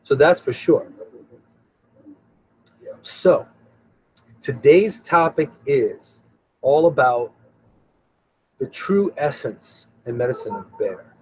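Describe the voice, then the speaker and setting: A man's voice: medium pitch, lively intonation, slow, pauses often, a little mellow, husky, rough recording. A middle-aged man hosting a live show in a casual, rambling way, often repeating his words. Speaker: host. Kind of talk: casual live-stream talk.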